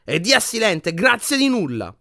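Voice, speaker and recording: A man's voice: mid-range voice, very animated, moderate pace. A man voicing an angry, impatient teenage boy wizard in an audiobook, speaking in short, clipped bursts. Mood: shouting. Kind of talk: audiobook character voice.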